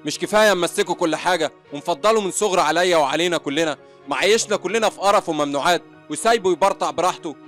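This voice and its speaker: An actor playing a defiant young son who shouts back at his father in an Egyptian accent in a radio drama. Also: high-pitched, racing, soft background music. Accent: Egyptian Arabic.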